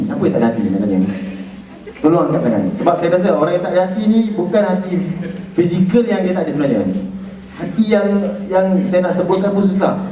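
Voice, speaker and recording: A man's voice: high-pitched, warm tone. A middle-aged man with a Malaysian Malay accent gives a humorous public talk, teasing the audience as he tells his story as a transplant recipient. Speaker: liver transplant recipient speaker. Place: lecture hall. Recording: echoey lecture hall, far from mic.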